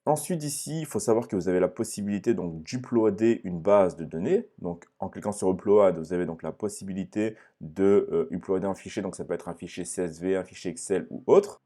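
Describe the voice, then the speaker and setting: A young man walks through a software tutorial in a very low, husky voice. His tone is dark and mellow, and he paces his explanation step by step, frequently stopping to ask "ok?" into a close microphone. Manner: explains step by step, often checking with "ok?". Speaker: online course instructor. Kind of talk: screen-share tutorial.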